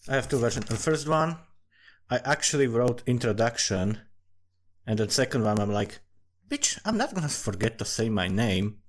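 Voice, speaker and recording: A Slovak man with a Slovak accent, a storyteller and amateur writer, gives casual, rambling commentary that is profane, self-mocking and full of digressions. His mid-range voice swings widely in pitch at a normal speed. He's recorded on a desktop USB condenser microphone.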